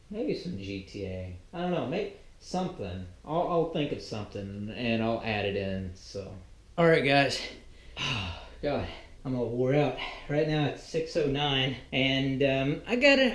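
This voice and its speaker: A man talks casually to his viewers in a roomy, echoing indoor space. He rambles as he thinks out loud, with a mildly grumbling edge and an ordinary mid-range pitch. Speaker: vlogger. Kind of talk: casual vlog talk to viewers. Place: indoors in a room at home.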